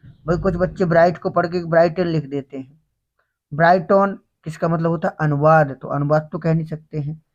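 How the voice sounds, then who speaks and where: A man with a fairly high voice teaches English words for an exam, speaking in Hindi. He reads each English phrase slowly, then asks the class for the answer and gives it himself. The recording sounds a little dull and lo-fi. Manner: asks students questions and answers them himself. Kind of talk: exam-prep grammar lesson.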